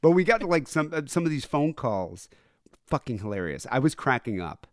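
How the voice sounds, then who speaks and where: A man's voice: mid-range voice, big pitch swings, brisk, dry recording, studio quality. A man with a nasal voice hosting a casual, profane, rambling podcast conversation. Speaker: podcast host.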